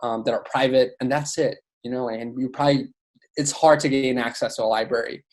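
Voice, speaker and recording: Brisk and mid-range, his intonation stays fairly even. He's a young man from Iraq, a student author and educator guesting on a podcast, and his casual interview chatter is enthusiastic and informal, full of "you know" and "like."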